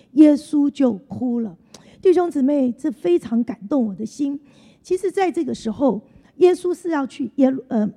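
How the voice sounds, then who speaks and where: A woman's voice: sits high, gravelly, mellow. A woman preaching a sermon in an earnest tone, repeating her key phrases. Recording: long hall reverb.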